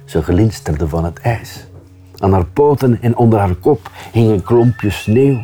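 A man with a Flemish accent, an author calmly reading his children's book aloud. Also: fairly low pitch. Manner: calm, measured storytelling.

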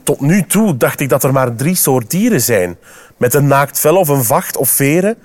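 A man's voice: mid-range voice, expressive, moderate pace, a little mellow, natural voice. A Flemish man voicing a curious, cheerful male squirrel in a children's storybook reading.

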